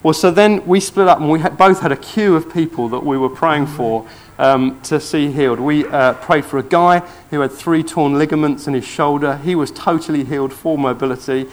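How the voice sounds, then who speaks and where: A man preaching, telling a testimony story in church with earnest excitement. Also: fairly high pitch, moderate pace, hardly any pauses.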